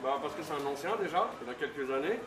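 A man's voice: fairly high pitch, fast, reverberant. A man who lives in the area chatting casually with visitors, joking and laughing easily. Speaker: local resident chatting at a window. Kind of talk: casual street chat.

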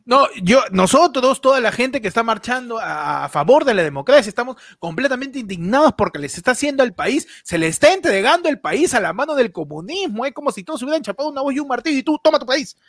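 Man putting on a high, huffy young woman activist, Peruvian accent, dry close mic. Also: expressive, fast talker, few pauses, fairly bright tone, no room sound, exaggerated voice. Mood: indignant. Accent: Peruvian Spanish. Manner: shrill, insistent, repeats herself. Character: indignant young woman protest spokeswoman.

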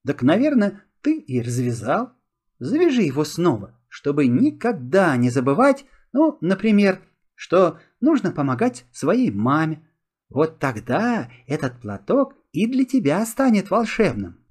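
Man reading as a gentle caring mother. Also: a little high, huge pitch swings, a little slow, husky, exaggerated voice. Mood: tender. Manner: soft and reassuring. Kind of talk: storybook reading.

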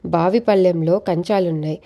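A man's voice: high voice, fairly even intonation, normal speed, creaky, warm tone. A woman voicing a cowardly, stingy male merchant who talks nervously and pleads, in a read-aloud storybook tale. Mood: pleading.

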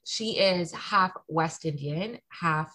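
A woman in her thirties from Toronto, chatting casually as a podcast guest with lots of ums and quick asides. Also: lowish voice, bright, forceful tone. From Canada (Toronto). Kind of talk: casual conversation.

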